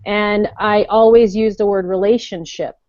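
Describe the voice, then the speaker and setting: A woman's voice: mid-range voice, fairly even intonation, a little slow, darkish tone, no echo. A woman guest on a live web show, who works with parents and couples, thoughtfully describing her own approach. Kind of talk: casual chat. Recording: dull lo-fi web stream audio.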